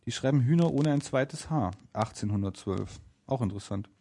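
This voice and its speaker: A man's voice: medium pitch, lively intonation, a little fast, mellow, husky. A man in his thirties, a podcast host, reads a fairy tale aloud in a casual chat and breaks off for playful asides.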